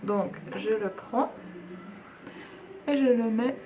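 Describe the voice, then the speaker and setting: A woman's voice: a little high, slow, dark tone, slight background noise. A young woman, chatting enthusiastically through a makeup tutorial at home, with frequent fillers and asides. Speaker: beauty vlogger.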